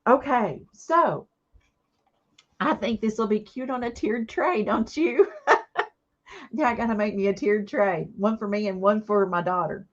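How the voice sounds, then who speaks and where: Teary and emotional, a woman with a mid-range voice chats warmly with viewers during a craft live stream, reading their comments aloud and responding. She speaks at a normal speed, and the sound is lo-fi.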